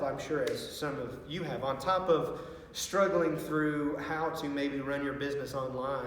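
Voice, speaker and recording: A man speaking as a youth pastor in an informal video message, earnest and halting, with repeated words. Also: medium pitch. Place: large empty student ministry room with stage. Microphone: far from the speaker. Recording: very echoey hall, distant mic, faint noise.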